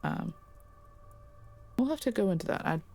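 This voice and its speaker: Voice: mid-range voice, sing-song, normal speed, darkish tone, no room sound, faint music behind. A let's play streamer from Louisiana chatting casually in a tangent-prone, self-deprecating way, swearing and laughing often. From Louisiana, USA. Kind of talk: casual rambling commentary.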